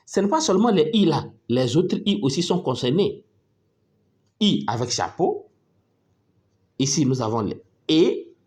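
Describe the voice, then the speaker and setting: Male teacher for a phonics lesson: patient, slow and deliberate, voice set a little high, spells out syllables and checks that the class is following. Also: sing-song, darkish tone.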